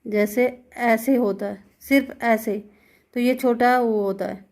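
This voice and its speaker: A woman's voice: fairly high pitch, steady tone, slow pace, darkish tone. A woman teacher explaining grammar step by step, asking questions and answering them herself. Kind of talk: Hindi grammar lesson.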